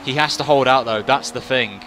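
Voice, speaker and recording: A man's voice: medium pitch, fairly quick, sharp tone, slight background noise. A man giving live motorsport commentary, thinking aloud about strategy and posing questions as the race runs.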